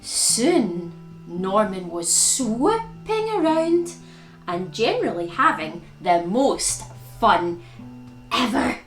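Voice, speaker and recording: Animated woman reading a children's story, unhurried. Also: fairly high pitch. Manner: animated, dramatic emphasis on key words. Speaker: children's storytime reader and host. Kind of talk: expressive picture-book read-aloud for young children. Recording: roomy echo with plucked guitar music.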